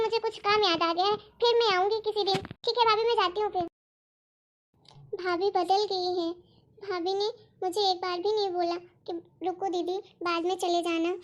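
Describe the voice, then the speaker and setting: Anxious young daughter-in-law , a woman acting: very high voice, emotional, pleading. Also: dull audio, a little hiss or hum. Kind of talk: storytelling role-play.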